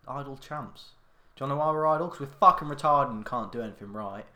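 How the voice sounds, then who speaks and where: A young man, co-hosting a podcast in loud, sweary, jokey casual chat on one shared mic. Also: mid-range voice, quick pace. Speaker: podcast co-host. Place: echoey room. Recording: echoey amateur podcast room.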